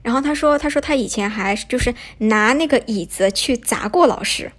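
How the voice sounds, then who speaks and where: A woman's voice: on the high side, normal speed, fairly bright tone. A young woman from China, a podcast host telling a personal story in a chatty way, posing and answering her own questions.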